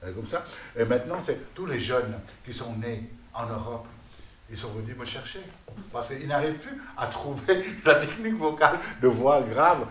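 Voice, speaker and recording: A man's voice: medium pitch, animated, normal speed, a bit bright. Guest lecturer, male, rambling demonstrative talk, roomy room with faint hiss. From Vietnam. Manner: rambling, often asks "n'est-ce pas?". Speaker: guest musician and voice researcher. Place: artist's workshop, indoors. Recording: roomy hall with faint noise.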